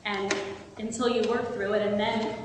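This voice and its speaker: A woman giving a calm, steady talk to an audience as a guest speaker. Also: mid-range voice, normal speed. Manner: calm, steady, tells a story. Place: large hall with an audience. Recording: echoey hall, mic from far off, noisy.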